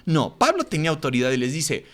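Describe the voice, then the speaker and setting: A man's voice: fairly high pitch, huge pitch swings, fast, fairly bright tone. A man teaching a Bible class as a pastor, emphatic and scolding, full of rhetorical questions. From Mexico. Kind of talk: sermon-style Bible lesson.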